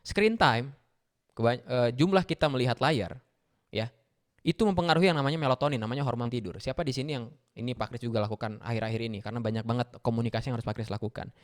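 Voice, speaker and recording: A man, giving a lively motivational talk to students, often asking them questions and mixing in English phrases. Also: mid-range voice, quick pace. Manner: animated, mixes English phrases, asks the audience questions. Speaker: guest speaker for school students.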